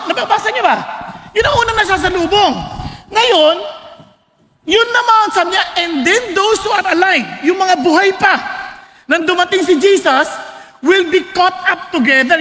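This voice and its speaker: Male preacher, animated sermon, bright piercing tone, echoing hall. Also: very high voice. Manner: animated, switches between Tagalog and English, shouts scripture for emphasis.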